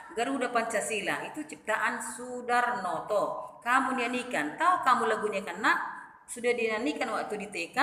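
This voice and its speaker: A woman teacher talks to young pupils in a bright, sing-song voice, stretching some words and rising and falling a lot in pitch. She records her lesson in a room that rings with a long, echoey reverb. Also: a little hiss or hum. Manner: sing-song teacherly address to children, lively and drawn-out. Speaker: primary school teacher. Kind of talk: recorded online class lesson.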